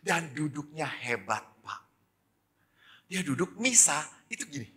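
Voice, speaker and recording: Animated, bright-voiced preaching priest. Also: male voice, a little high, a little slow, husky. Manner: animated storytelling, sudden drops to hushed whispers. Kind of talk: sermon.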